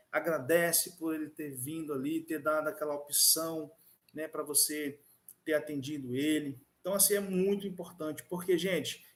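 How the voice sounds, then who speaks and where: A man teaching an online class, talking conversationally with frequent restarts. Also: high-pitched. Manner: conversational, many fillers and restarts. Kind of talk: online class lecture with a personal story.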